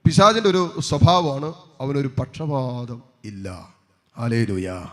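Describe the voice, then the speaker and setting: A man's voice: mid-range voice, slow, big-room sound. A man preaching a sermon as a priest, declaiming with rising emphasis, calling out hallelujahs and asking the congregation rhetorical questions.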